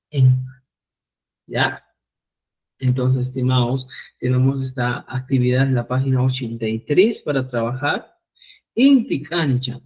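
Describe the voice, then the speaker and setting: A man teaching a live online Quechua class, repeating phrases slowly for students. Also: mid-range voice, slightly rough. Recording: phone-like narrow sound.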